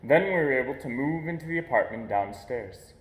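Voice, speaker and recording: In an echoey, roomy recording, a man with a mid-range voice reads a children's picture book aloud. He uses an expressive storytelling style, pausing deliberately for emphasis.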